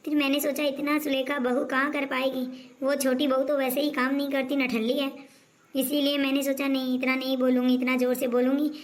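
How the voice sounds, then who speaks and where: A woman with a high voice plays a doting mother-in-law in a homemade family skit. She praises and coaxes in a motherly way. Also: flat delivery, fairly quick. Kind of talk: scripted family skit acting.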